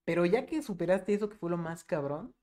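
A young Mexican man co-hosting a podcast, talking casually and swearing freely. He tells his story with animation, in an easy, relaxed chat. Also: sits high, brisk. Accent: Mexican Spanish. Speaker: podcast co-host.

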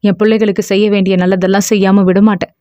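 A woman voicing a steady elderly father in an audio novel, firm and reassuring toward his sons. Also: mid-range voice, fast talker, no echo, highs cut off, voice pushed down, lightly acted.

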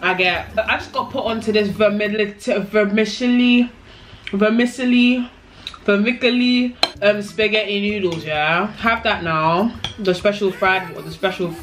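A woman's voice: medium pitch, normal speed, few pauses, fairly bright tone. A young woman with a London accent chatting casually in a vlog, slangy and swearing freely. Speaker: vlogger. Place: home kitchen.

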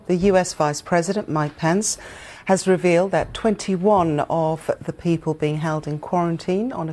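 A woman presenting the news from a television studio, composed and crisp in her formal delivery. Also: sits low, darkish tone. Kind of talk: news reading.

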